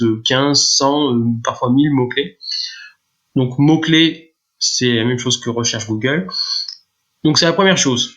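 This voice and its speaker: A man's voice: on the high side, a bit bright, lo-fi sound. A man explaining his work in a casual podcast interview, with many fillers and restarts. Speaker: guest, SEO consultant.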